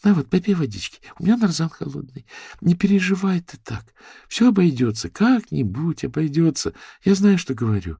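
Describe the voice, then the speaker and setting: A man voicing a kind, soothing woman writer in an audiobook, gentle and consoling. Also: fairly low pitch, sing-song, moderate pace, gravelly, husky, no echo, clean studio sound, pitched above the performer's own voice, full character voice. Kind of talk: audiobook character voice.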